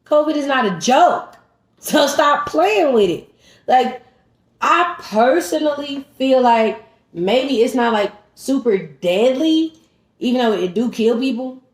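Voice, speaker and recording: Animated woman vlogger in an echoey room. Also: sits high, slow. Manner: animated, emphatic, talks straight to viewers as "y'all". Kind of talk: casual storytime chat.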